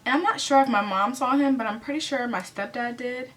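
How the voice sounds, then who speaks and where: A woman's voice: a little high, brisk, fairly bright tone. A twenty-year-old American woman tells a personal story in a casual, rambling way, full of fillers and self-corrections. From United States. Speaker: vlogger telling a storytime.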